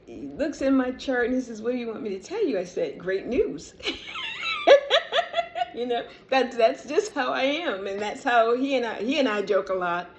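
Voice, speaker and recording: A middle-aged woman vlogger telling a personal story in a casual, animated way, often laughing and praising. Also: on the high side, a little hiss or hum. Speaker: vlogger sharing a testimony.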